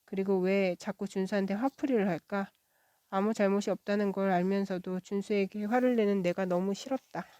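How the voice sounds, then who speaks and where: A woman reading a children's novel aloud in a soft, even voice. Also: mid-range voice, a little fast, clear, resonant tone, no room sound. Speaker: children's book reader. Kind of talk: storybook read-aloud.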